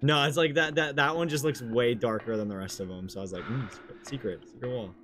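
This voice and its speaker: A young man playing a horror game and commenting casually, excitable and swearing, with sudden yelps at scares. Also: medium pitch, fast. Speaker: let's play gamer.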